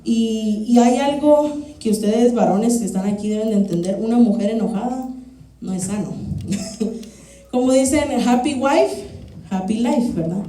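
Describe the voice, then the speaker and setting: A young woman, preaching a sermon in a lively, humorous, storytelling way in a church hall. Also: fairly high pitch, moderate pace. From Guatemala. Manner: animated, humorous, acts out shouts. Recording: echoey church hall from far off.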